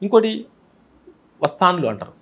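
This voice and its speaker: A man's voice: high voice, big pitch swings, moderate pace, a bit bright, husky. A man with a Telangana Telugu accent, a film director, explaining his film in an interview with examples from village speech. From Telangana, India.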